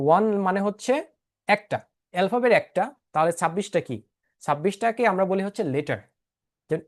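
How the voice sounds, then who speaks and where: A man teaching a spoken English lesson online, mixing English phrases into his talk and often checking that students follow. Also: a little high. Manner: mixes English into talk, keeps checking "okay?". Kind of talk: online class lecture. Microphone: online class microphone.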